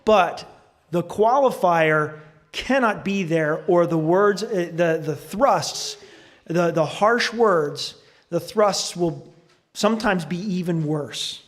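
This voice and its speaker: A man giving a church sermon, earnest and thoughtful, reading suggestions aloud with occasional fillers and pauses. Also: sits high. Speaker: preacher. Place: church sanctuary.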